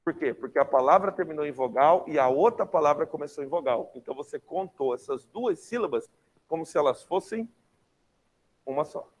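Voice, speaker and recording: Slangy, lively Brazilian male teacher. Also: on the high side, a little fast. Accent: Brazilian Portuguese. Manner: lively, slangy, checks in with students often. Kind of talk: online class lecture.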